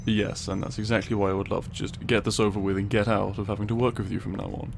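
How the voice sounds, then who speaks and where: In a comedic audio roleplay, a man plays a pedantic tiny male scientist with a low, gravelly voice at a quick pace. He sounds exasperated, dry, sarcastic, and condescending, picking long, precise words with weary patience. A steady hiss runs behind him.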